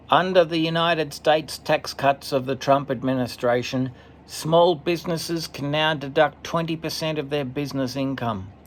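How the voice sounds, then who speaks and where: A man commentating as he reads a list off a screen, steady, with occasional stumbles and asides. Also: medium pitch, slight background noise. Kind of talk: reading from a screen, casual commentary.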